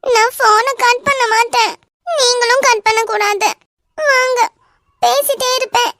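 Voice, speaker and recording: A young bride in a cartoon love story, crying and clingy, voiced by a woman. Her voice is very high and girlish, with a Kanyakumari Tamil accent. Faint noise sits under the recording. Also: steady tone, unhurried, a bit bright, exaggerated voice. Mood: tearful pleading. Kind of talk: animated romance voice acting.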